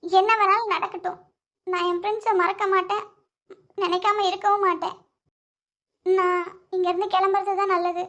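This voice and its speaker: A woman voicing Ashmi, a very high-voiced heartbroken cartoon girl. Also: flat delivery, normal speed, pauses often, fairly bright tone, lo-fi sound. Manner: emotional, pleading. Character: lovesick young woman, stubborn and tearful.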